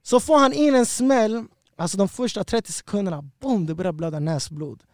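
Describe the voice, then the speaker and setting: Brief: high-voiced man, animated and slangy, dry close sound. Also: no room sound. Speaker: guest fighter. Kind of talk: casual storytelling.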